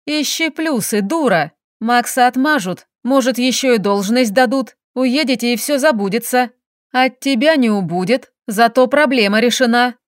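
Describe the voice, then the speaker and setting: A woman's voice: on the high side, normal speed, dry recording, clean studio sound, natural voice. A woman voicing a scheming, spiteful young female colleague with a scornful, mocking manner in an audiobook.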